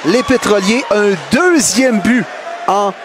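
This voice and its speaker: High-pitched excited Québécois hockey play-by-play man. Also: slow. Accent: Québécois French. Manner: excited, shouting at big plays. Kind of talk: excited sports commentary. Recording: loud noise and crowd behind voice. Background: arena crowd and noise.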